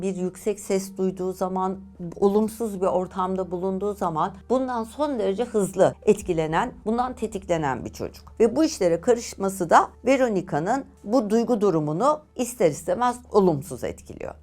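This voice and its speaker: A woman hosting and telling a paranormal true-crime story, with an expressive, dramatic delivery. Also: medium pitch. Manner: lively, expressive retelling with dramatic pauses. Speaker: journalist and storyteller host.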